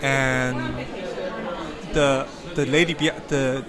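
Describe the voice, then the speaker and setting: A man's voice: medium pitch, level tone, takes it slowly. A man, speaking natively, answering interview questions hesitantly while searching for words at an art fair. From South Korea. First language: Korean. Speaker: artist and art writer. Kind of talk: casual interview. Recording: noisy crowd at a fair.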